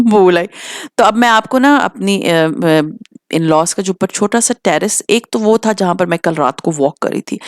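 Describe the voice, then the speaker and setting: A woman's voice: lowish voice, no room sound, clean studio sound. A woman in her thirties from Pakistan, chatting casually through a home vlog and mixing in English phrases. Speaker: vlogger.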